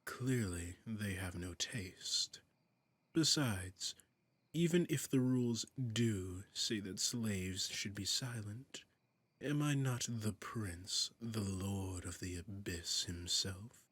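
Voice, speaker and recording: Here the same kind of performance: a man as a seductive, domineering demon prince in an intimate audio roleplay, teasing and silky with a breathy voice that keeps slipping toward a whisper. He speaks slowly in a lowish, somewhat bright voice, heavily exaggerated, with no room sound at all. He comes across as amused and admiring.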